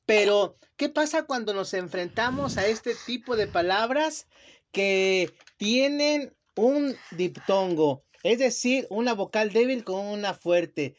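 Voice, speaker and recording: A man teaching children a lesson, speaking slowly and carefully and stretching words out syllable by syllable. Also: sits high, animated, slight background noise. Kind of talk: classroom lesson explanation. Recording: dull lo-fi sound.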